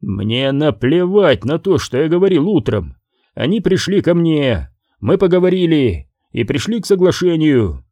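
Man doing an enraged crime boss, audiobook, raised pitch, loud, scolding, clipped words, dark tone. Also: big pitch swings, measured pace, no echo, lo-fi sound. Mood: furious. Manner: shouting, scolding, hammering each word. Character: furious middle-aged male crime boss.

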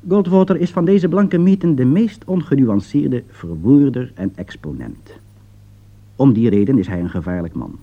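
In a mellow voice of medium pitch, a man reads aloud a scripted political commentary meant for broadcast, formal, emphatic and rhetorical in manner. The audio sounds dull.

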